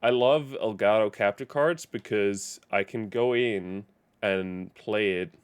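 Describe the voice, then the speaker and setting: A man's voice: lowish voice, takes it slowly, clean tone. Rambling male game streamer. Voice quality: rambling, self-correcting. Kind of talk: casual live game stream chat.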